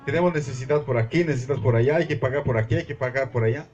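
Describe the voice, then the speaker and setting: A man's voice: medium pitch, very fast, a little mellow, muffled recording. A man with a Mexican Spanish accent preaching a sermon to his congregation in a small mission church, calling them brothers and reading scripture with fervor. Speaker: pastor.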